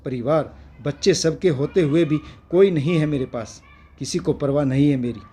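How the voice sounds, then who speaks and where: A man voicing a hurt, bitter middle-aged wife and mother in a read-aloud family story, with a husky voice. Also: a little high, normal speed, mellow. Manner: aggrieved, complaining reading.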